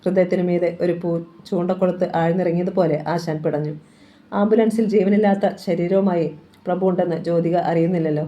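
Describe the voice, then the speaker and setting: A woman's voice: fairly low pitch, steady tone, brisk, warm tone, muffled recording. A woman reading a crime thriller novel aloud as scripted narration, with a dramatic delivery. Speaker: novel reader.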